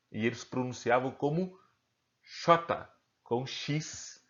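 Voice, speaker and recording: A man's voice: mid-range voice, dull audio. A man with a Brazilian accent teaching a recorded online lesson. He poses questions to himself, answers them, and keeps checking in with the viewer. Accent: Brazilian Portuguese.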